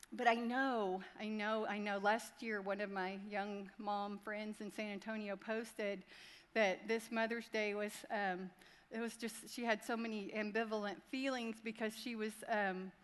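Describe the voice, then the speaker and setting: Church lady, middle-aged, chatty and heartfelt, big echoey sanctuary. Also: a little high. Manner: chatty, warm, laughing, heartfelt. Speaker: pastor's wife. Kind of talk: church talk. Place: large church. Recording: long hall reverb.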